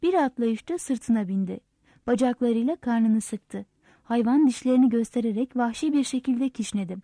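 A woman narrating a novel aloud in a steady, measured storytelling manner. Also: fairly high pitch, no echo. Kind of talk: audiobook narration.

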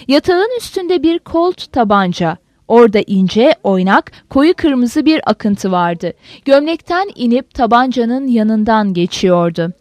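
A woman narrating a novel as an audiobook in an expressive, dramatic reading. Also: a little high, no echo.

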